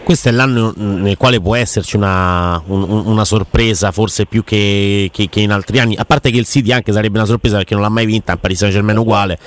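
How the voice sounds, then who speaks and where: A man joins a radio discussion as a panelist. His voice sits a little low, and he talks in a casual, conversational style. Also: fairly even intonation, brisk, hardly any pauses. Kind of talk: casual on-air chat.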